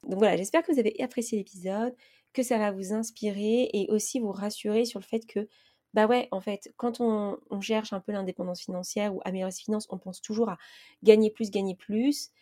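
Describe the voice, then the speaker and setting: Young woman chatting on her podcast at home, warm mellow voice, lots of "bah" and "euh". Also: medium pitch, steady tone, a little fast. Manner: chatty, conversational, many fillers. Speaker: podcast host. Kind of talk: casual solo podcast chat. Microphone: raised mic, holding a baby.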